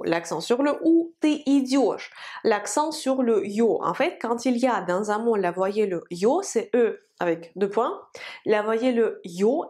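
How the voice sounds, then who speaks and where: Slow-spoken woman teaching pronunciation. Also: on the high side, darkish tone. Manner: slow, deliberate pronunciation drills, repeating words. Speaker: Russian teacher. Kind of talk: language lesson.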